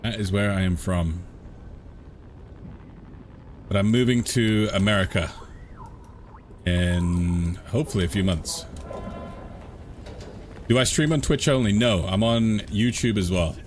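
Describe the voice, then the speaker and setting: A man from London, England streams a game live and answers viewer questions in a lowish, slightly slow voice with long pauses and slight background noise. Chatty and often laughing, he repeats himself as he thinks aloud.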